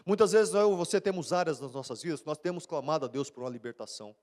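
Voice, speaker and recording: A man with a Brazilian accent, a pastor giving a live sermon at a church service in a fast, conversational way. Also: on the high side, darkish tone. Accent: Brazilian Portuguese.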